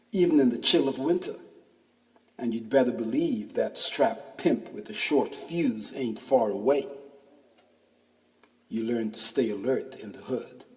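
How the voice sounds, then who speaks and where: In a darkish, mid-range voice, a man in his fifties narrates a first-person essay of his own, wry and thick with street slang. This podcast host is recorded from a distance in a reverberant room.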